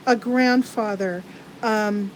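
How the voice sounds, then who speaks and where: A woman giving live tarot card readings to viewers. She talks in a halting, earnest way with many restarts. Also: mid-range voice, fairly even intonation, slight background noise, rough recording.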